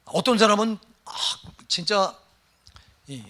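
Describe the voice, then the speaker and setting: A man's voice: high voice, expressive, takes it slowly, pushed and bright. A middle-aged man preaching a fervent sermon as a pastor in a church, with calls of amen and hallelujah. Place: church sanctuary.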